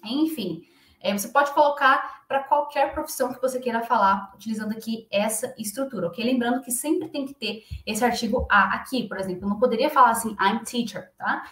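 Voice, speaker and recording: A woman's voice: a little high, fairly quick, fairly bright tone, echoey room. A woman with a Brazilian Portuguese accent, an English teacher explaining phrases in a chatty way that keeps checking in with the learners.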